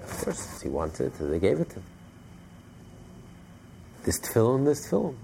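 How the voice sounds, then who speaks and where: A man tells a Torah story as a lesson, circling back to repeat and stress his key points. His voice is gravelly and dark. There is a faint hiss of noise in the background. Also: medium pitch, huge pitch swings, moderate pace. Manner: repetitive, emphatic storytelling with many restarts. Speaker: Torah teacher.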